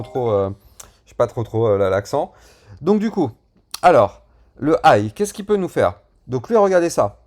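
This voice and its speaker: A man's voice: medium pitch, a little mellow. A man casually talking through crypto price charts and plugging his channel, with many fillers and bits of slang. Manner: chatty, with frequent fillers and slang. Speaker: crypto YouTuber. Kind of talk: chart analysis and channel promotion.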